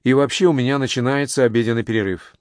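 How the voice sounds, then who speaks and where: A young woman secretary snaps back dry retorts, as a male narrator voices her. The reading is close and dry, at a middle pitch. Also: fairly even intonation, fast talker, no room sound, lightly acted. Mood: snappy.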